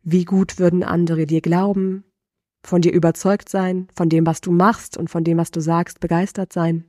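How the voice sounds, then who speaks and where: A middle-aged woman voice coach giving a lesson, asking the listener slow, deliberate reflective questions. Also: fairly low pitch, little pitch movement, mellow, no room sound, clean studio sound.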